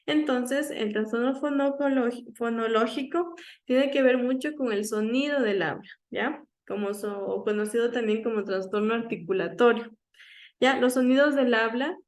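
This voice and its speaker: A woman teacher giving an online lecture, her voice sitting fairly high. She pauses to check in with her students again and again, and slows down to sound out examples one by one. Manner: checks in with frequent "¿ya?"; demonstrates speech sounds slowly.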